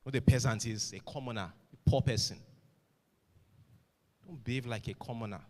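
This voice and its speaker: Guy preaching to students, punchy rhetorical qs, booming hall echo. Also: moderate pace. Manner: emphatic, rhetorical questions, swings loud and soft. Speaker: motivational speaker. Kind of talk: motivational address to students.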